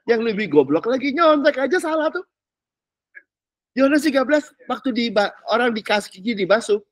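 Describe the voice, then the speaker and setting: A man's voice: very high-pitched, very animated, a little fast, dry recording. Blunt joking man preaching. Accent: Jakarta. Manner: blunt joking slang, reads scripture aloud. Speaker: pastor. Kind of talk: sermon.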